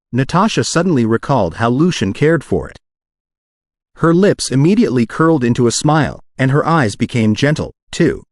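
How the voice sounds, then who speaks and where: A man's voice, machine-generated, narrating a fantasy novel as an audiobook in a steady reading style. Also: mid-range voice, no echo, studio quality. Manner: synthetic audiobook reading, reads punctuation aloud. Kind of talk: scripted narration.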